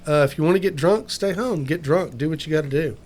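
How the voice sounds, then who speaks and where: A man's voice: on the high side, fast talker, a little mellow. A man hosting a casual podcast, talking in a folksy, upbeat way. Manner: folksy, upbeat sign-off talk. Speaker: podcast host.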